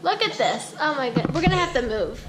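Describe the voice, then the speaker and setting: A woman, a mother filming her kids at home, narrating in a playful vlog style with lots of excited, laughing exclamations. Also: sits high, brisk, very noisy. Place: house, indoors.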